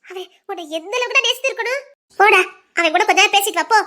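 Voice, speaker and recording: An actress playing a gentle young woman who comforts her family in a soft, coaxing voice. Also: very high voice, fast. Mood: consoling. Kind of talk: emotional TV serial acting.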